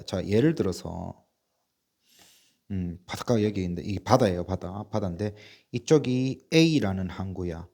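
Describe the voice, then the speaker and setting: A male English teacher running a patient spelling drill, spelling words out slowly letter by letter and coughing now and then from a sore chest. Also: lowish voice, a little mellow. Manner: patient, repetitive, asks and answers himself. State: coughing, bronchial trouble. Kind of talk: slow spelling drill lesson.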